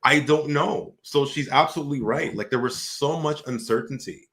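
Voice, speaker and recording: A man's voice: mid-range voice, normal speed, a bit bright. A man hosting a casual talk as an entrepreneur, speaking reflectively and often filling with "like". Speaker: host and entrepreneur.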